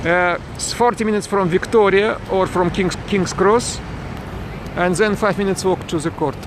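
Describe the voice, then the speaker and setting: On a noisy phone stream from a city street with traffic, a Ukrainian man with a high voice talks at a moderate pace. He is a parent broadcasting a protest, responding to viewers in broken English and frequently restarting what he says.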